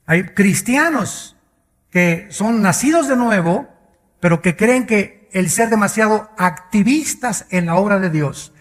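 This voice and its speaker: Male pastor, high voice, teaching sermon, spells out words, rhetorical questions, echoing hall. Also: animated, slow pace. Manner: asks the congregation rhetorical questions. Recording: long hall reverb.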